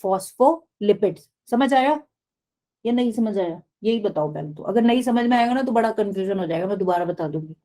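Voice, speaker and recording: A woman's voice: mid-range voice, animated, a little fast, warm tone. A woman teaching biology in a live online class, explaining step by step and often asking the class questions.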